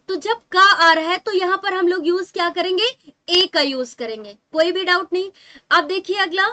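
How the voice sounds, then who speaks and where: High, bright-voiced woman teacher. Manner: patient, repeats tag questions to check understanding. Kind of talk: English grammar lesson for children.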